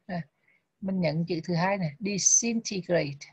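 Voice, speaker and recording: A woman teaching a Buddhist text lesson, reading English terms and drilling their pronunciation slowly and deliberately. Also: medium pitch, slightly rough, dry recording. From Vietnam. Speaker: Abhidhamma teacher. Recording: dull lo-fi, dry sound.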